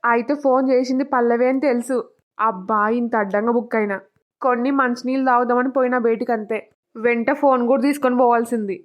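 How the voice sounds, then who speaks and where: A woman's voice: on the high side, fairly even intonation, quick pace, close to an everyday voice. A woman voicing a nervous secretive young husband. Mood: anxious. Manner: anxious muttering to himself. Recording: dull lo-fi recording.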